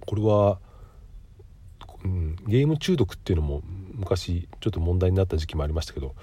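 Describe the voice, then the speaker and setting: A man's voice: low voice, mellow, husky, dry recording. A middle-aged man with a nasal, congested voice from a cold, hosting a casual solo podcast in a polite, explanatory way. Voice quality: nasal, stuffy voice. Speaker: podcast host. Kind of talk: casual solo monologue with frequent filler pauses.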